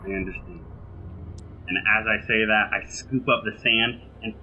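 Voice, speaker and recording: A man playing a tabletop game, describing his character's actions slowly and dramatically. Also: fairly low pitch, little pitch movement, lo-fi sound, a little hiss or hum. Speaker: player. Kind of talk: tabletop role-play.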